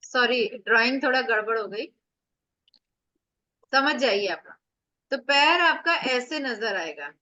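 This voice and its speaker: A woman's voice: fairly high pitch, animated, slow pace, long pauses, pushed and bright, no room sound, muffled recording. A woman acupressure teacher giving an online revision lecture over a video call, explaining step by step with rhetorical questions and staying firm with her students.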